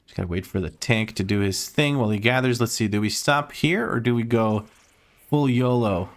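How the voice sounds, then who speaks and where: A man's voice: medium pitch, normal speed. A man from Croatia with a Croatian accent, casually commenting on his own gameplay on stream, chatty and self-mocking, swearing now and then.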